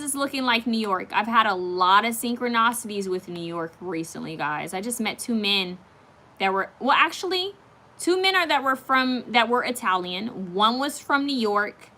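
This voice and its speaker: A woman's voice: on the high side, animated, moderate pace, bright, forceful tone. A woman in her thirties chatting casually on a livestream, reading viewer comments aloud and drawing oracle card messages, often restarting her sentences. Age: 30s.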